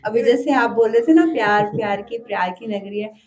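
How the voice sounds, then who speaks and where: Woman, devotee, earnest testimony, mellow voice, a little high, restarts often. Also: normal speed. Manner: earnest, searching for words, many restarts. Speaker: devotee sharing her experience. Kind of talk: heartfelt testimony at a devotional gathering.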